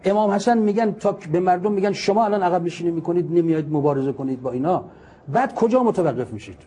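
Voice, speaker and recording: A man preaching a sermon with impassioned, argumentative rhetoric, reciting Arabic quotations slowly and then translating them. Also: high voice, expressive, warm tone, breathy edge.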